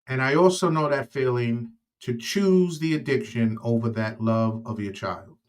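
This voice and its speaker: A man hosting a casual recovery talk, earnest and halting, with many fillers and restarts, getting louder on the words he stresses. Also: mid-range voice. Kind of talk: casual monologue.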